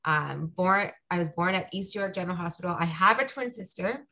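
A woman in her thirties from Toronto, chatting casually as a podcast guest with lots of ums and quick asides. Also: lowish voice, lively intonation, pushed and bright. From Canada (Toronto). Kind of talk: casual conversation.

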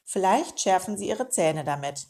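A woman's voice: medium pitch, lively intonation, moderate pace, darkish tone, close to an everyday voice. A woman voicing a boastful old male meerkat uncle in a children's storybook, talking in a pompous, self-important way.

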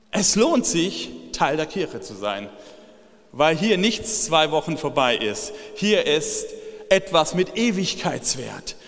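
A man preaching a sermon as pastor, in a lively way that swings from soft lines to shouted ones. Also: high voice, in a large hall.

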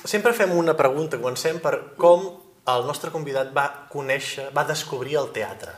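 Man, highish voice, interviewer, roomy studio sound. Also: normal speed. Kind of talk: interview questions. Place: singing studio.

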